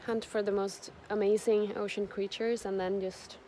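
A woman's voice: mid-range voice, flat delivery, moderate pace, dark tone, a little hiss or hum. A young woman chatting casually into her phone aboard a sailing boat, upbeat, with frequent fillers. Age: young adult. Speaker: vlogger. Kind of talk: casual travel vlog. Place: sailing boat, cabin and open deck. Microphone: phone at arm's length. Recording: music playing underneath.

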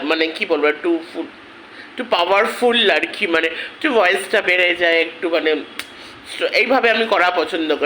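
Man, vlogger with a headache, slow quiet angry rant, bright slightly high voice, faint noise behind. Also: rough recording. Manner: speaks slowly and quietly, rising in anger. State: has a headache. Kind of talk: angry protest vlog.

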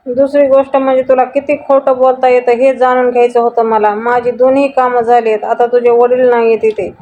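A woman voicing a scheming, sharp-tongued female office boss who taunts and mocks. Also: fairly high pitch, flat delivery, a little fast, slight background noise, close to an everyday voice. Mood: demanding. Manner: taunting, mocking. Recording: dull lo-fi audio.

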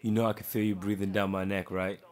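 A man's voice: lowish voice, flat delivery, quick pace, lightly acted. A man in a short film, trading sardonic, profane banter and narrating in voice-over.

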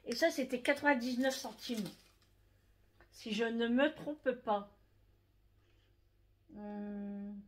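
Speaking slowly with frequent pauses, this French woman's voice sits on the high side as she walks viewers through her shopping haul. She talks to them directly and keeps adding "hein" to her sentences.

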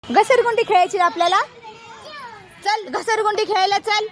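A woman's voice: very high-pitched, steady tone, normal speed, slight background noise. A young woman, a mother filming her small children, coaxing them with playful, repeated questions in a casual family vlog.

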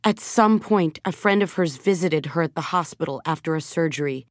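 A middle-aged woman with a deep voice, working as an audiobook narrator, reads a children's storybook in a gentle, measured way, softly lowering her volume at tender moments. She is recorded on a close studio microphone in a recording studio, with background music playing.

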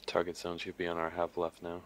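A man's voice: sits low, completely flat delivery, brisk. A man speaking casually as a pilot in a military sim game, with occasional radio calls. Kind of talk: casual gaming chat with some radio calls. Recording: voice chat with faint background noise.

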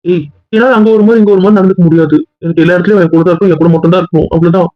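Rapid-talking man, clingy and pleading. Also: sits high, steady tone, muffled recording. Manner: clingy and pleading, calling his wife and friend dear. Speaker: husband in a family skit. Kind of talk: casual family banter.

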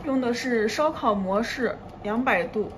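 A woman in her thirties with a fairly high voice talks through home cooking step by step. The narration is informal, with faint background noise. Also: lively intonation, measured pace.

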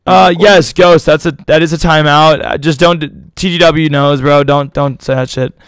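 A young male streamer with a somewhat high, smooth, clear voice that sounds a little worn out. He rambles loosely and slangily straight to his chat. The sound is close and dry, with no room around it. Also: steady tone, normal speed, no room sound. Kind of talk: casual live-stream chat.

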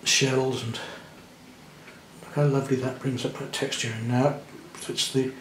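A man, gently talking through a watercolour demonstration as he paints, thinking aloud in a chatty way. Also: medium pitch, level tone, unhurried, roomy sound, a little hiss or hum. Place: indoor studio at the easel.

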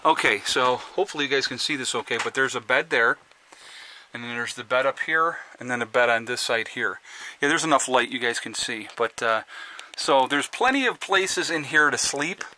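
A man's voice: mid-range voice, animated, moderate pace, pushed and bright, a little hiss or hum. A man giving a casual, rambling walkthrough of an old camper, talking straight to viewers from a handheld camera outdoors and inside. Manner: loose, rambling, addresses viewers directly. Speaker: homestead vlogger.

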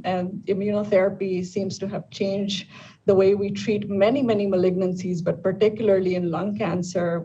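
Speaking over a video call for a live news interview, this woman, a lung cancer oncologist in her thirties, gives measured explanations peppered with ums. Her medium-pitched voice is mellow, and the sound from her bright indoor room, at home or the office, comes through distant and dull, with faint room noise.

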